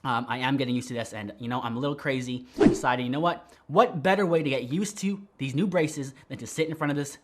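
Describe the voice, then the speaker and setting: Energetic man pitching a tutorial. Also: fast talker, few pauses, very noisy. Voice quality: slight whistle on S sounds from new braces. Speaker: online business teacher. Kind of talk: tutorial to camera.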